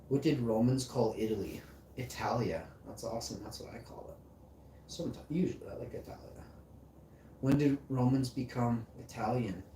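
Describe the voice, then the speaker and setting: A man's voice: mid-range voice, dark tone, far from the mic. A man chats on his livestream, stumbling through text he reads aloud and drifting off into loose musings. He sits back from the mic in an echoey room with a faint hiss underneath. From Icelandic and German parentage. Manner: rambling, reads aloud haltingly and muses between lines. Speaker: livestream host. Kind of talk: casual livestream chat, reading aloud.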